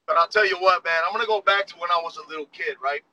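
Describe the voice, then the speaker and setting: A man's voice: high-pitched, very fast, bright, forceful tone, dull audio. A man talking casually as a podcast guest, emphatic, with stammered restarts. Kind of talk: casual chat.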